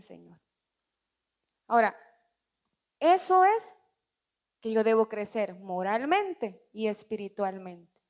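A high-voiced woman delivering a sermon at church. She speaks earnestly, asks the congregation questions and acts out short heartfelt prayers. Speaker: preacher.

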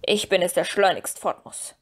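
A grieving male dwarf warrior speaks in a gruff, lowered storybook voice, put on by a woman narrating an audiobook. His words come slow and weighty. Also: natural voice. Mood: mournful. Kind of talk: audiobook character reading.

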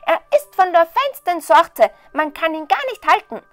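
A woman voicing a foolish, cheerful young peasant lad who shouts with glee. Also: very high-pitched, moderate pace, dry recording, faint music behind, pitched above the performer's own voice. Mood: gleeful. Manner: excited, shouting gleefully.

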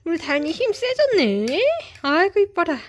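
A woman's voice: extremely high pitch, big pitch swings, normal speed. A woman cooing baby talk to an infant in a gushing, sing-song way.

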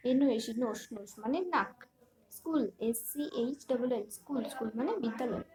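A woman teaching a primary English lesson, spelling each word letter by letter and giving its meaning in a slow, deliberate way. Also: on the high side, a little mellow, rough recording. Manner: spells words letter by letter, then gives meanings. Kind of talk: reading out an English workbook lesson.

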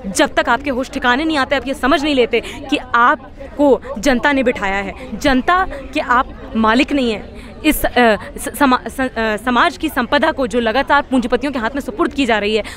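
Young woman, student activist, high-pitched, fiery and rhetorical, outdoor protest interview, handheld press mics. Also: normal speed, a bit bright. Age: young adult. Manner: fiery, rhetorical, many fillers and restarts. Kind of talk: impassioned street interview. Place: outdoor street protest in a crowd. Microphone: several handheld press mics held close.

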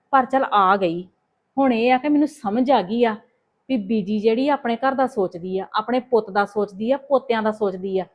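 A woman playing a housewife in a scripted family drama, chatting in a quick, lively way. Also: fairly high pitch, dull audio.

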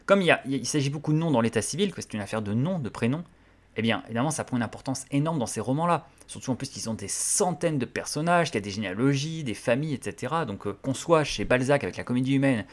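A man hosting a literature channel, explaining in a casual, halting way with frequent hesitations. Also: medium pitch.

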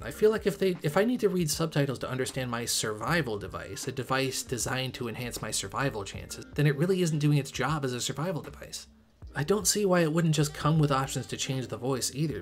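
A young man narrating a scripted game review video essay in a critical, emphatic way. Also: medium pitch. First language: English. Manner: critical, emphatic, occasionally sarcastic.

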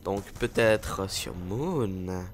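A man's voice: low voice, lively intonation, extremely slow, slight background noise. A young man giving rambling, playful live commentary over a video game, with lots of fillers and jokes at his own expense. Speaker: gaming video host.

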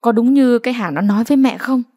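Woman narrator putting on an elderly village grandma, high, quick, sharp-tongued; audio storybook. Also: lightly acted. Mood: fretful. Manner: scolding, frantic, rapid-fire.

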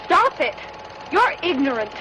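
Scared young woman, very high, shrill, swooping, slow, film clip with music. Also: sing-song, noisy background. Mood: frightened. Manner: shrill, scolding.

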